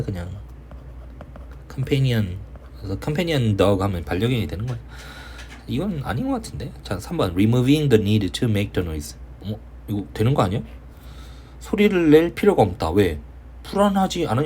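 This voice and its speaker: A man teaching English vocabulary in an online lecture for high school students, with casual joking banter. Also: a little mellow, slightly rough. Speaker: English tutor.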